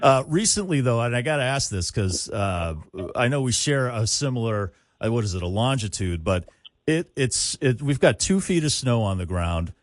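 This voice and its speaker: A man's voice: mid-range voice, very animated, normal speed, no echo. A man hosting a casual radio interview in a conversational way.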